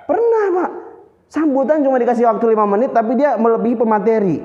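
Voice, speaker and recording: High-voiced man teaching in a mosque hall. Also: rapid-fire, mellow. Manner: playful, teasing, asks the audience questions. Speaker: public speaking trainer. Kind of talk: joking workshop talk to a mosque audience. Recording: reverberant hall, dull lo-fi sound.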